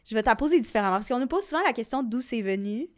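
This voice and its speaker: A woman's voice: a little high, animated, fast. A young woman with a Quebec French accent chatting casually in slangy speech with English exclamations. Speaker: podcast participant, comedy performer. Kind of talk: casual chat.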